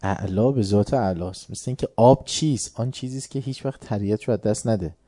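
A man's voice: lowish voice, dark tone, no room sound, clean studio sound. A man giving an informal religious lecture as a preacher, talking conversationally and often putting rhetorical questions to his listeners.

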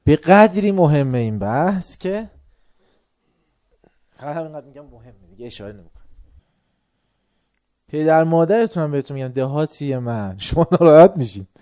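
Here a religious lecturer from Tehran, Iran, with a warm, mid-range voice, preaches to a live audience. Questions to the listeners punctuate his sermon, which swings from quiet musing to sudden loudness.

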